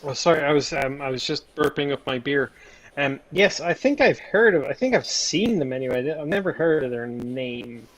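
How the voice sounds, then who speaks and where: Man, rambling casual chat, slightly high voice, playful, voice call. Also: animated, moderate pace, poor audio. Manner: rambling, playful, laughs often.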